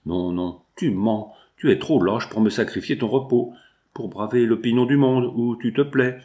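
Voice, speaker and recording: A man's voice: mid-range voice, normal speed, dark tone, natural voice. A man voicing a desperate, jealous young woman who pleads with her lover in an audiobook. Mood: pleading. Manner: pleading, passionate.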